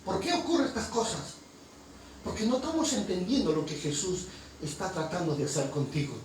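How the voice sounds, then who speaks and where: A man's voice: high voice, fairly quick. A man preaching a sermon as pastor, impassioned, quizzing his congregation with call-and-response questions. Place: church hall. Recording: very echoey hall, voice from far off, faint noise.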